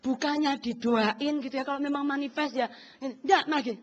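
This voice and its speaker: A woman pastor preaching a lively sermon, often calling out to the congregation and acting out voices. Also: high-pitched, moderate pace, muffled recording. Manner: animated, addresses congregation often, acts out voices.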